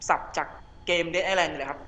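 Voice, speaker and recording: A man's voice: fairly high pitch, normal speed, vocal fry, background noise. A man chatting casually as he plays a game, rambling and correcting himself mid-sentence. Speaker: gaming streamer. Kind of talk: casual gameplay commentary.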